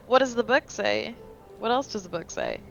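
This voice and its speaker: A woman's voice: on the high side, animated, measured pace, vocal fry, a bit bright, muffled recording, soft background music. A woman playing a tabletop game, often asking curious questions. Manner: curious, asks lots of questions. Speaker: player. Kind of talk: casual tabletop play.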